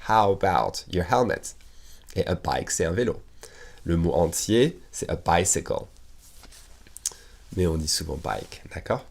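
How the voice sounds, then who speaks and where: A man teaching English to French speakers, slowing right down for the English examples and talking quickly when he explains in French, with an American accent in his English. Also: low-pitched, lively intonation, gravelly. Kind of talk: online language lesson.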